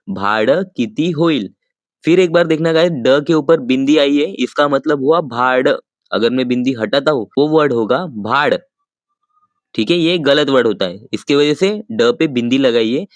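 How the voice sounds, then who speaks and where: A man with a mid-pitched voice teaches phrases in a calm, patient lesson. He repeats each line slowly and speaks directly to his viewers. The recording is close and dry, with no room echo. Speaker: language teacher. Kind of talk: explaining vocabulary in a lesson.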